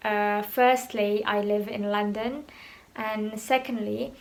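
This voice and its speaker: A woman from Indonesia explaining pronunciation in a relaxed, chatty vlog, thinking aloud as she goes. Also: mid-range voice, slow, gravelly. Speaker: vlogger teaching pronunciation.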